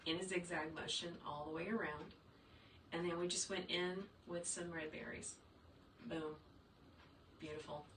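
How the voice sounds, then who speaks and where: A woman with a lowish voice chats in an upbeat, casual way while teaching wreath making in her home workshop during a livestream. She talks straight to viewers and reads and answers their comments, and the sound is roomy and distant with faint room noise.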